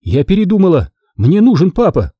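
A man's voice: wildly swooping pitch, fairly quick, husky, dry recording, muffled recording, full character voice. A man reading an audiobook voices a furious, accusing young woman, the daughter of a mafia boss. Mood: angry. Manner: shrill, accusing.

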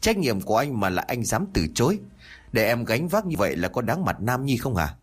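A cocky young lad talks back with swagger, his voice lifted a little above the teller's own, as a man puts him on. The tone stays husky and lively, as in a told ghost story. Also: mid-range voice, a little fast. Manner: brash, teasing. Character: cheeky bold young village lad.

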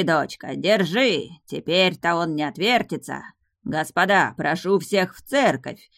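An audiobook reader voicing a blustering, menacing middle-aged town mayor who shouts slow, drawn-out threats. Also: medium pitch, vocal fry. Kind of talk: audiobook character voice.

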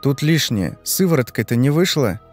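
A man's voice: mid-range voice, very animated, moderate pace, darkish tone, soft background music, close to an everyday voice. A man voicing a cold, scheming woman who speaks in curt, clipped lines.

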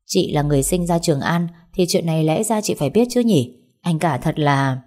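A scheming young brother-in-law who sounds friendly while needling, from an audiobook story, as a woman narrator puts him on. The tone is low, mellow and husky. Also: fairly quick. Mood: insinuating. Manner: falsely friendly, insinuating.

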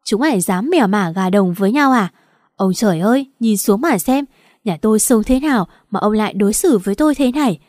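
A woman's voice: medium pitch, lively intonation, brisk, darkish tone, no room sound, clean studio sound, close to an everyday voice. A woman voicing a furious, ranting older mother-in-law in a narrated story.

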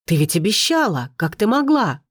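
A woman's voice: mid-range voice, big pitch swings, moderate pace, no room sound, clean studio sound. A woman voicing a heavyset middle-aged father who mumbles and pleads in shock. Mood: pleading.

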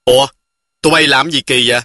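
A man's voice: medium pitch, moderate pace, bright, forceful tone, no echo, natural voice. A man voicing a boastful, cocky village boy, teasing and breezy.

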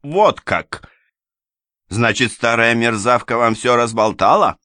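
A man's voice: expressive, slow, pushed and bright, dry recording, clean studio sound. A man doing a sneering haughty noblewoman. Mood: scornful. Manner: sneering, shrill outbursts. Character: scornful noblewoman landowner, haughty and defiant.

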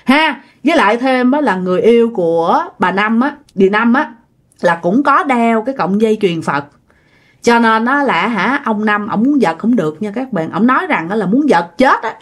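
A woman's voice: fairly high pitch, expressive, normal speed. A woman telling a ghost story in a casual, chatty way, talking straight to her listeners.

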